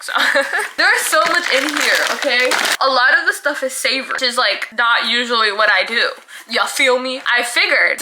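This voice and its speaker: Bright, bubbly young woman chatting casually. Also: fairly high pitch, slight background noise, rough recording. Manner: chatty, laughs often, fillers like "like". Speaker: snack reviewer.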